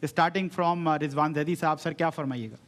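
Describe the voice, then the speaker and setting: Courteous man hosting a studio debate show. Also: fairly high pitch. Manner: courteous, adds short affirmations while judges speak. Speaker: host of a student debate show. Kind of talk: TV program hosting.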